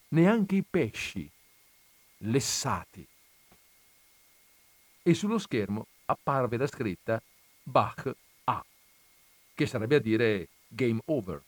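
A man's voice: mid-range voice, dry recording. Man reading a story with animation. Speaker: narrator.

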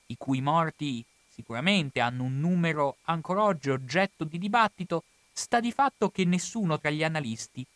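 A man with an Italian accent giving a formal, measured spoken account of history, now and then correcting himself mid-phrase. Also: on the high side, a bit bright, dry recording. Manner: measured, formal delivery with occasional self-corrections. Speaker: history lecturer.

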